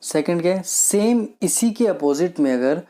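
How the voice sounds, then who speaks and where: A man giving an online grammar lesson, asking himself questions and answering them, and slowing down to read example sentences aloud. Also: high voice, expressive, dark tone. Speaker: grammar teacher.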